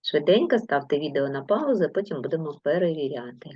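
A woman's voice: sits low, animated, a little fast, husky, dry recording, muffled recording. A woman teacher giving a video lesson to young pupils, patient and encouraging as she gives instructions. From Ukraine. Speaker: primary school teacher.

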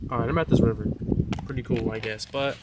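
A man's voice: medium pitch, fairly even intonation, fast, very noisy. Laid-back young man vlogging on a phone. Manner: rambling, laid-back, says "bro" often. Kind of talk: casual daily vlog. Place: at home, then outdoors by a river.

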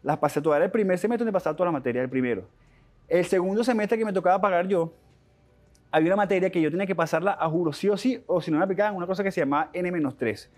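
A Venezuelan man in his young adult years tells his story at a rapid clip, his voice sitting fairly high. He restarts sentences, drops slang and talks with animated feeling as an interview guest. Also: faint music behind. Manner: animated, fast-talking, with frequent restarts and slang.

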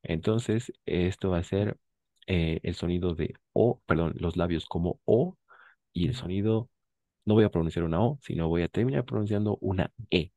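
A man's voice: deep voice, normal speed, dark tone, no room sound. A man teaching a French lesson, patiently explaining and switching between French and Spanish. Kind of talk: online language lesson.

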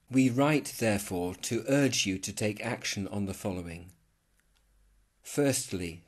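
A man reading out a formal letter as scripted narration, measured and even. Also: on the low side.

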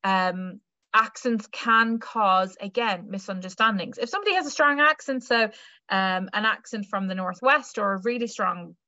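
A young Irish woman gives a careers talk online, speaking conversationally and often using fillers and restarting sentences. Her voice is medium-pitched and sharp, with lively intonation and normal speed, and there's no room sound. She's a careers adviser on a video call, heard through a webcam or laptop mic in slightly dull lo-fi audio.

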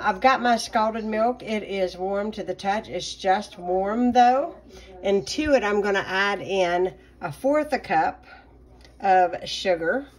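A woman's voice: on the low side, slight background noise. Chatty woman baking in her kitchen. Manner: chatty, relaxed, many ums. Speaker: home cooking vlogger. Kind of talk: casual cooking vlog talk-through. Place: home kitchen.

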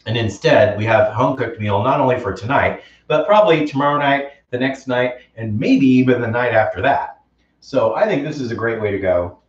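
A man's voice: medium pitch, expressive, moderate pace. An enthusiastic man chats his way through a home cooking live stream, reading viewer comments aloud. He sits back from the mic in an echoey room, and the sound is dull and lo-fi. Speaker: cooking show host. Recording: roomy, distant, dull live-stream audio.

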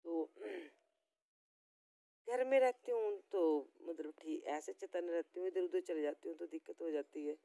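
A woman's voice: on the low side, unhurried, warm tone, no room sound. A young woman with a Himachali Pahari accent, chatting casually and rambling to her viewers in a homely vlog. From Himachal Pradesh, India. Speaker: vlogger.

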